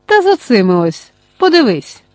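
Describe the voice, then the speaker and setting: A woman reading the lines of an older silver-mustached male Cossack who calls out warmly and loudly. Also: fairly high pitch, moderate pace, no room sound, clean studio sound. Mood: hearty. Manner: calls out warmly, excited exclamations.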